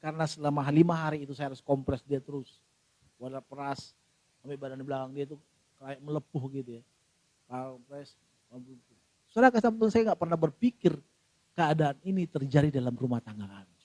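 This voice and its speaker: A middle-aged man preaches with a high voice, his sound dry and close with no room echo. He tells a personal story with emotion, swinging between loud bursts and hushed passages, and keeps addressing the congregation. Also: fairly quick, pauses often. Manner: repeats the congregation address often. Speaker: pastor. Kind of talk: sermon.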